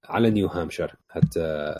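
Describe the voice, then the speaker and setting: A man's voice: sits low, a little fast, dark tone, slightly rough. A man with an Iraqi Arabic accent chatting casually as a podcast co-host, dropping English words into his talk. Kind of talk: casual chat.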